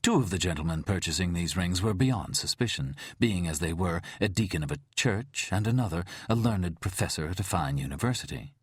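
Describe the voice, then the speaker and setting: A man narrating an audiobook thriller in a measured, dramatic storytelling manner. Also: low voice, expressive, slightly rough, dry recording, studio quality.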